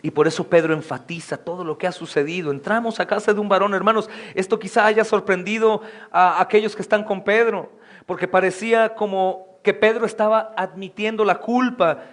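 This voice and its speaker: A man's voice: high voice, steady tone, a little fast, fairly bright tone. A male pastor preaching a sermon with fervor, often calling out to his congregation as brothers.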